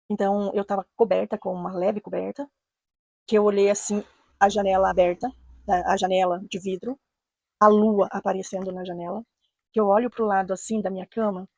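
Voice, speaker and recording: A Brazilian woman with a Brazilian Portuguese accent narrates a personal story in a measured, earnest way and leans on repeated phrases. Her voice is mellow and slightly husky. The recording is dry and close. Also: medium pitch, no echo. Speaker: storyteller, channel host.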